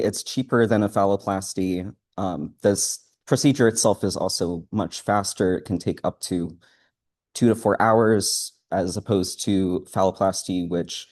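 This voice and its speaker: A man giving a student presentation in front of a live audience, speaking in a halting, hesitant way. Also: sits low, darkish tone.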